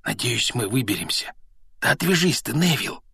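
A man's voice: on the high side, expressive, moderate pace, breathy edge, no room sound, clean studio sound, voice pushed up. A man voicing an anxious young schoolboy wizard, pleading and breathless. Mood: whispering.

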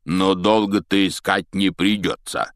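A male narrator voicing a huge, rough-spoken giant gamekeeper who growls and rasps, talking slowly with halting, folksy speech. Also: low-pitched, little pitch movement, dry recording, studio quality. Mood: gruff. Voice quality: growling, raspy. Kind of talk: audiobook character voice.

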